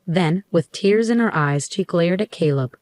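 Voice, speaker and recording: Low-voiced woman narrating a story. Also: animated, a little mellow, dry recording, studio quality. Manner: controlled, measured. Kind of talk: first-person story narration.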